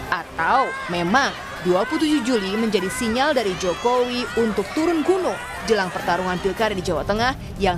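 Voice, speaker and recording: Woman reading a news report over music. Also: mid-range voice. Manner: crisp even newsreading. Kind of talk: scripted news narration.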